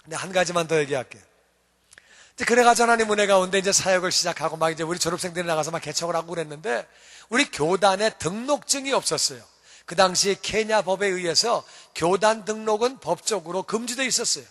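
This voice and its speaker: A pastor preaching and telling a story with acted quotes, bright voice, long church hall reverb. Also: male voice, sits high, fast talker. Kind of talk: sermon.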